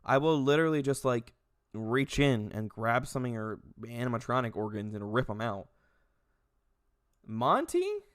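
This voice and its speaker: A man's voice: medium pitch, sing-song, unhurried, clean tone, no echo, clean studio sound. A young man in a casual comedy vlog, ranting animatedly with lots of swearing and laughter. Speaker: video creator.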